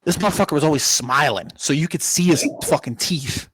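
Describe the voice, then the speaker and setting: Animated young man telling a profane story. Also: fairly high pitch, brisk, slight background noise. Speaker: podcast co-host. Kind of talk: casual chat.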